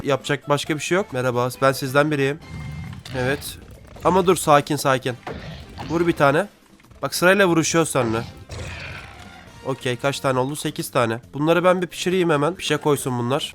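A young man giving casual, slangy let's-play commentary, talking back to the creatures in the game as he plays. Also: fairly high pitch. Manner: chatty, talks to the game mobs, slangy. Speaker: gaming YouTuber. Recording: music faint behind voice.

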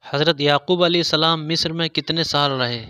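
A man reading religious quiz questions, pausing over each option before he gives the answer. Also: on the high side, sharp tone, smooth, no echo. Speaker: quiz host. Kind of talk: scripted quiz narration.

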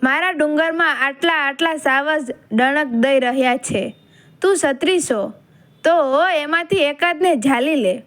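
A woman's voice: a little slow, fairly bright tone. A woman voicing a thundering male sun god who speaks from a temple dome in a storybook tale. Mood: commanding. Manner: booming commanding.

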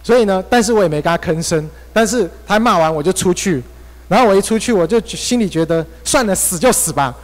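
A man's voice: high-pitched, fast. Taiwanese-accented male pastor preaching in a hall. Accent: Taiwanese Mandarin. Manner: personal storytelling, emotional swings. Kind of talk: sermon. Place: church hall. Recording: long church hall reverb.

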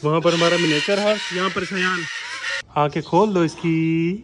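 Man, vlog host, fairly high voice, excitable and playful, chats to the animals. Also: normal speed, heavy background noise. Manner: excited, laughing, talks to the animal. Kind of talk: casual pet vlog chat.

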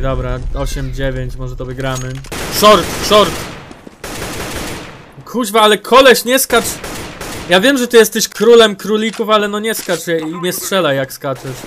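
A high, bright-voiced man calls out his shooter match live, his pitch leaping all over as he yells orders and swears at teammates. Faint noise sits under the voice. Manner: excitable, shouting callouts, swearing, mocking teammates. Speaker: gamer commenting on his match. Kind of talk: live gameplay commentary.

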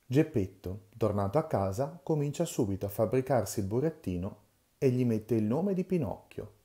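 A man's voice: medium pitch, lively intonation, normal speed, dark tone. A man reading the first chapter of a classic children's novel aloud, in a storyteller's manner. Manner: storyteller's reading, dramatic in the quarrels. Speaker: reader.

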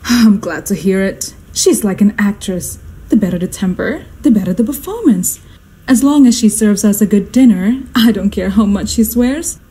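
An actress playing a fussy, imperious, status-hungry society mother in a radio drama, theatrical and exclamatory, with a husky voice. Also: medium pitch, animated, moderate pace, mellow, close to an everyday voice, low-quality recording. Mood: brisk, commanding.

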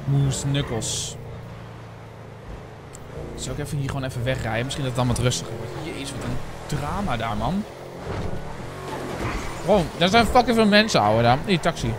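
A man's voice: mid-range voice, lively intonation, a little fast, very noisy. A young man in his twenties with a Netherlands Dutch accent, chatting casually and swearing as he streams a roleplay game to viewers. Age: 20s. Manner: chatty, slangy, swears often, talks to viewers.

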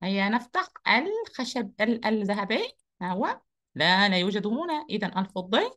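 A woman voicing a cheerful, energetic male rabbit who tells a story to children in an online lesson. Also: mid-range voice, normal speed, voice pushed down. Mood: playful. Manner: lively, upbeat, speaks to children.

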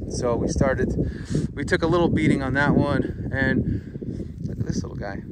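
A US farmer hosting his own channel speaks at normal speed in a mid-range voice, wandering through a casual story with lots of fillers while walking among cattle in a pasture. The outdoor handheld phone audio is very noisy.

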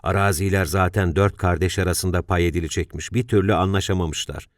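A worried, sighing older father, earnest and a little defensive, as read by a man in his own narrating voice. The voice sits very low. The audiobook sound is dry and close. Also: steady tone, fairly quick, no room sound, natural voice. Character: worried older father, retired civil servant.

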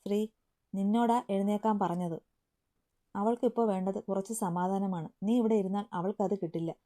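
A woman's voice: mid-range voice, fairly even intonation, normal speed, warm tone, natural voice. A woman reading the lines of a bossy, teasing young man in a family story, in a firm, scolding way. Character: bossy teasing young man, playful older-brother type.

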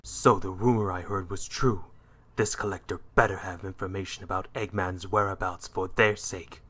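Casting: male actor for edgy cartoon hedgehog antihero, forceful and fairly low, curt, proud, menacing. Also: steady tone, slightly rough. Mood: cold. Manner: curt, scornful, deliberate delivery. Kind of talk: fan character voice reel, dramatic cartoon acting.

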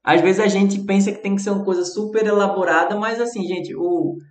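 Brazilian male English teacher, high-pitched, casual live chat delivery, roomy echo. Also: fairly even intonation, brisk. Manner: chatty, reads chat messages aloud and answers them. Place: alone at home, livestreaming. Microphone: phone.

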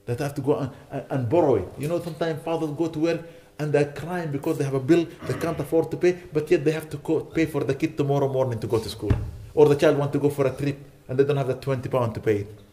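Earnest sheikh preaching. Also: male voice, a little high, fairly even intonation, fast talker, hardly any pauses, mellow, a little hiss or hum. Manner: earnest, urges with repeated rhetorical questions. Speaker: sheikh giving a lecture. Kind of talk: sermon. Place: lecture hall.

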